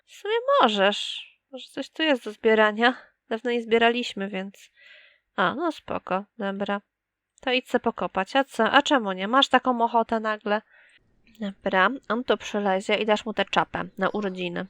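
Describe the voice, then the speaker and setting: A woman's voice: medium pitch, moderate pace, fairly bright tone, no echo, clean studio sound. A young woman chatting casually as she plays a life-sim game, teasing the characters and talking to them directly. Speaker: gaming YouTuber. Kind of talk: casual let's play commentary.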